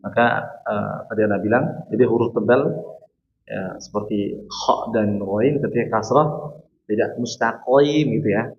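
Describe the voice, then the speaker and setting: A man's voice: lowish voice, slight background noise. Male recitation teacher from Indonesia, chant-and-explain style, roomy and muffled mosque sound. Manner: alternates melodic chanted recitation with quick explanations. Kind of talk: tajwid lesson with chanted recitation. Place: mosque hall. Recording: muffled, echoey mosque hall.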